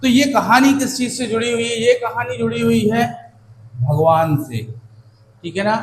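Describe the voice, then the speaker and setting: An echoey room with a faint hum carries the high-pitched voice of a man teaching English in Hindi for exam prep. Encouraging and fond, he refers to his students as children and "beta," frequently asks "theek hai na," and slows right down over English phrases and word meanings.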